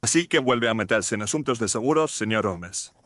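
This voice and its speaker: A man's voice: mid-range voice, expressive, brisk, a bit bright, no echo, close to an everyday voice. A man playing Inspector Lestrade, a grudging, skeptical Scotland Yard officer, businesslike, in an audio drama. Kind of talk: Spanish audio drama mystery acting.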